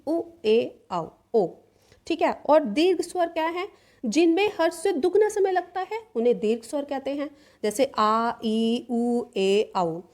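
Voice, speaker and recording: A woman's voice: sits high, darkish tone. A woman teaching a grammar lesson, explaining step by step, often asking a question and then answering it herself. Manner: repeats 'ठीक है' often, asks questions then answers them.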